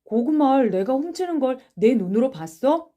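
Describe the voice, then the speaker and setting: A woman's voice: on the high side, measured pace, warm tone, natural voice. A woman voicing a defiant, poor schoolboy who answers in curt, stubborn retorts in an audiobook reading. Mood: indignant.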